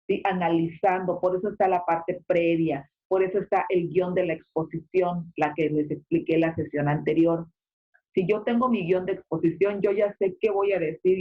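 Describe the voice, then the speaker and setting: Husky-voiced teacher explaining over muffled video call. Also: mid-range voice. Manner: explanatory, frequent filler "este" and check-ins like "¿ok?". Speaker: secondary school Spanish teacher. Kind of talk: online class lecture.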